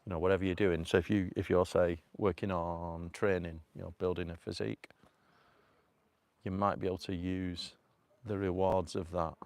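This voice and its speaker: A man from North Manchester with a broad northern English accent, talking off the cuff on a live stream outdoors. His voice sits very low and has a gravelly, creaky edge. He rambles in a chatty way and fills the gaps with ums, speaking into a phone held out on a selfie stick. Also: little pitch movement, moderate pace, darkish tone, dry recording. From North Manchester, England. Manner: rambling, chatty, laughs often, many fillers. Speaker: vlogger. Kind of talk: casual live stream talk. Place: outdoors at a rocky cove by a river.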